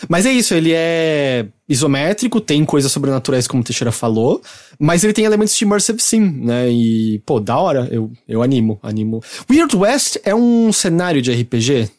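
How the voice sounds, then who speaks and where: A man's voice: fairly high pitch, sing-song, moderate pace, a little mellow. A man with a Brazilian Portuguese accent hosting an informal, conversational chat about video games. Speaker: gaming show host.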